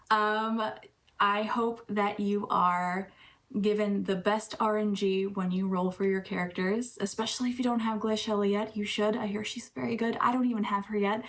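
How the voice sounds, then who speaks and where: A woman's voice: mid-range voice, a bit bright. Casual woman, somewhat distant from the mic. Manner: casual, enthusiastic, with fillers. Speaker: voice actress. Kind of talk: recorded video message.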